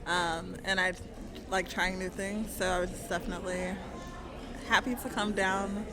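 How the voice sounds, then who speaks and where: A woman's voice: on the low side, fairly even intonation, a little slow. A woman interviewed at a lunch event, speaking in an easygoing, plain way. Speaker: event guest. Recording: field recording with crowd noise.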